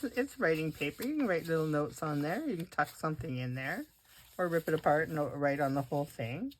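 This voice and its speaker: A woman's voice: lowish voice, fairly bright tone. A woman with a cold hosting a casual craft video, chatting and rambling through a show-and-tell with frequent restarts. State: has a cold, coughing and hiccups.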